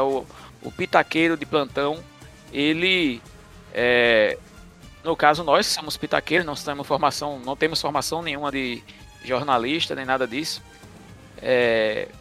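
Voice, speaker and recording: A man talks football casually on a podcast. His voice is bright and a little high, and he pauses to search for words. Faint music sits behind him. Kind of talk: casual sports discussion.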